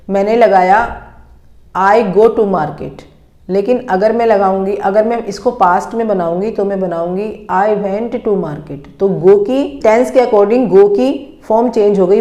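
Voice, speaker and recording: A woman teaching English grammar, explaining in Hindi and dictating English example sentences slowly and deliberately. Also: mid-range voice, dark tone, roomy sound. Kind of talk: bilingual grammar lesson.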